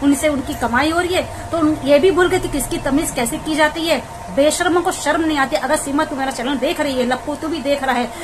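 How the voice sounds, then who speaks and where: A woman's voice: high voice, fairly quick, hardly any pauses, background noise. A woman vlogger delivering an indignant, scolding commentary rant aimed straight at the person she criticizes. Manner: scolding, indignant, addresses the target directly.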